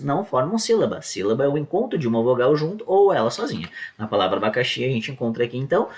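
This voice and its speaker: A man giving a casual exam-prep grammar lesson, often checking in with the class as he explains. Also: medium pitch. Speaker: teacher.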